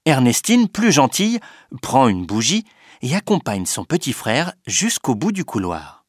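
Husky-voiced man reading a storybook. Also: mid-range voice, dry recording, studio quality. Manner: expressive, unhurried reading. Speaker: narrator. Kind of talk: storybook read-aloud.

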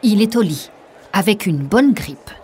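A woman reading a chatty, worried mother in a storybook, concerned and gossipy. Her talk is slow and her tone is warm. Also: mid-range voice, lively intonation, slightly rough, voice pushed up.

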